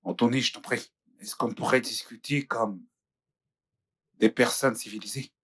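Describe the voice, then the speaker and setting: A cornered, pleading doctor. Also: male voice, mid-range voice, a little slow, fairly bright tone, breathy edge. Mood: nervous pleading. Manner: placating, pleading. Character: guilty male doctor, smooth then pleading. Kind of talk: dubbed film acting.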